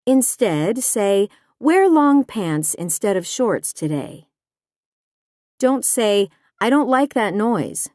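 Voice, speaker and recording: Woman, scripted nonfiction reading, slow, deliberate, dry close sound. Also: mid-range voice, very animated, dark tone, dry recording. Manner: measured, deliberate delivery of examples. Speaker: audiobook narrator.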